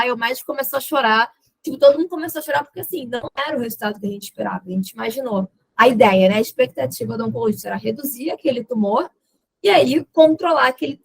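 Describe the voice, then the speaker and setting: A woman's voice: on the high side, vocal fry, husky, no echo, rough recording. A young adult woman with a Brazilian accent, a podcast guest telling a personal story and acting out the dialogue in it. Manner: lively retelling that acts out quoted dialogue, with laughs.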